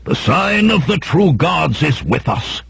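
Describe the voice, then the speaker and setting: A man voicing a fanatical, commanding male mage who shouts proclamations in a husky voice. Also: a little high, big pitch swings, unhurried, no room sound, voice pushed up, full character voice. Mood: fanatical cry.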